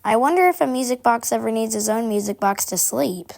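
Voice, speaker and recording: A woman's voice: a little high, animated, a little fast, creaky, a little mellow. A woman voicing a prim, busy, gossipy game character who confides in formal phrasing, aloof but chatty. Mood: gossipy, confiding. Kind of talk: scripted character monologue.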